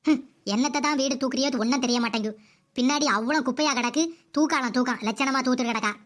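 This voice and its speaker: A woman's voice: high-pitched, quick pace, close to an everyday voice. A woman voicing a bossy, scolding mother-in-law in a cartoon comedy. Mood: nagging. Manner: nagging, scolding, sharp-tongued.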